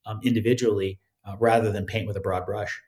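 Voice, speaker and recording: Male podcast guest, professional and considered, halting delivery with repeated phrase openings. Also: fairly low pitch, fairly even intonation, darkish tone. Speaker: podcast guest, crypto legal expert. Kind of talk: considered interview answers.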